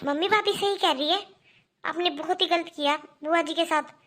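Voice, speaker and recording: A woman voicing a young married daughter who speaks loudly and reproachfully in a cartoon. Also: extremely high pitch, little pitch movement, a little fast, noisy background. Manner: loud, reproachful.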